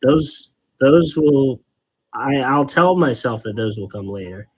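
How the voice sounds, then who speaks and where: Husky man chatting while painting. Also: mid-range voice, expressive, takes it slowly, darkish tone. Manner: rambling, patient explaining, corny dad jokes. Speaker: host of a hobby painting stream. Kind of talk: casual live-stream chat while painting.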